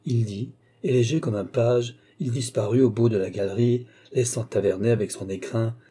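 A man giving a scripted narration of a classic novel in a measured, literary reading. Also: mid-range voice, mellow, breathy edge. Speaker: audiobook reader.

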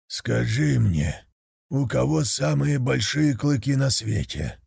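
A grave, dying old tiger , as a man puts him on speaks in a slow, gravelly storybook voice. Every word is weighed and drawn out. The sound is close and dry. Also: medium pitch, very animated, a little mellow, no echo, exaggerated voice. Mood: questioning. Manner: slow, solemn instructing.

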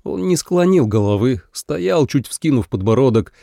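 A man reading an audiobook in measured, even scripted narration. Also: mid-range voice, creaky, no room sound, studio quality.

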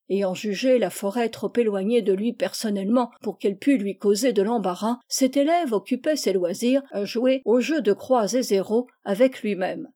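Mellow-voiced woman reading a comic novel. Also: mid-range voice. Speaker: audiobook reader. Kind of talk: reading a humorous novel aloud.

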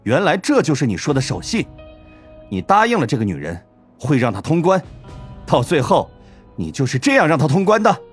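A man's voice: on the high side, sing-song, measured pace, pauses often, faint music behind, voice pushed up. A man voicing a scheming young woman who speaks in a mocking, cold, taunting way.

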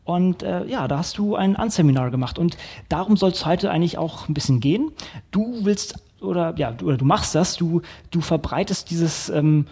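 A man hosting a casual interview podcast, talking in a relaxed, rambling way with many restarts. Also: a little high, normal speed, breathy edge. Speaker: podcast host.

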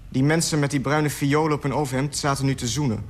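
A man from the Netherlands reading a literary story aloud on the radio in a calm, understated way. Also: medium pitch, quick pace, a little hiss or hum.

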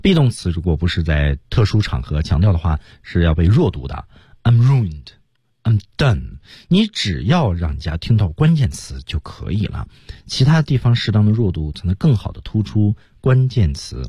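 Male radio teacher, low husky voice, lively intonation, patient explainer. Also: dry recording, studio quality. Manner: explains slowly, models lines in English. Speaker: English reading teacher.

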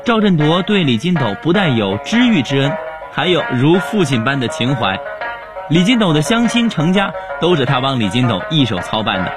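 Animated male radio host. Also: fairly high pitch, normal speed. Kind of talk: scripted biographical narration. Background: music.

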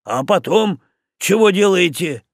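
A man voicing a gruff, hot-tempered old male sailor who shouts and curses. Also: sits high, lively intonation, measured pace, dry recording, studio quality, voice pushed up. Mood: shouting. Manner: shouting, cursing.

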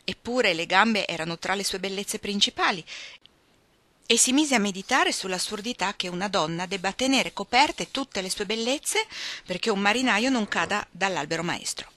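Brief: a woman narrating a literary novel, measured and expressive, with a bright, clear voice. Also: medium pitch. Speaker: reader. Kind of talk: audiobook reading of a novel.

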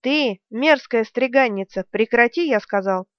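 A woman's voice: a little high, unhurried, dry recording, lightly acted. A woman voicing a furious, brutal male general who barks and rages, in an audiobook reading. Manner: raging, barking commands. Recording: dry, dull lo-fi recording.

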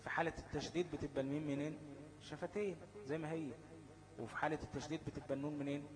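A man's voice: fairly high pitch, steady tone, rapid-fire, low-quality recording. A man with an Egyptian Arabic accent teaching a class on recitation rules. He poses questions to his students, answers them himself and keeps checking that they follow. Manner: checks in constantly with "okay?".

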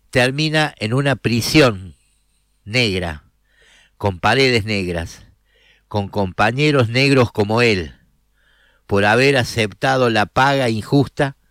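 A man, a radio host reading a short story aloud in a measured, storytelling way with dramatic pauses. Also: fairly low pitch, fairly bright tone, dry recording, studio quality.

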